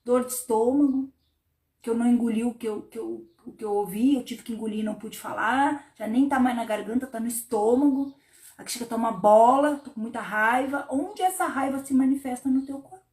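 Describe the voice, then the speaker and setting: A woman therapist, hosting a relaxed spiritual talk on a live stream. Her voice sits high, and she talks with lively swings, dropping to a low murmur when she plays out her own inner thoughts. The sound has a noticeable echo from the room. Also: a little fast.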